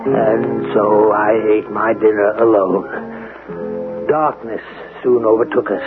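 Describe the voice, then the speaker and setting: An actor playing Sancho Panza, a humble, practical squire who also narrates, in a vintage radio drama. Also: male voice, on the low side, steady tone, slow pace, over loud music. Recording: lo-fi phone-like band, noisy old recording.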